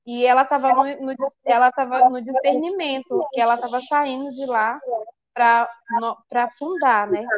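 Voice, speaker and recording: Brazilian woman, high voice, animated testimony with acted-out quotes; dry, dull recording. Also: no echo. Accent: Brazilian Portuguese. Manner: lively storyteller who acts out quoted dialogue. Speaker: speaker giving a religious testimony. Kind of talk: personal testimony told to a live group.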